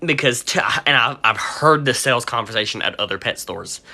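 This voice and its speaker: A man's voice: mid-range voice, lively intonation, a little fast, gravelly, sharp tone. A man who owns a pet store, ranting on a casual livestream, swearing often and sounding heated.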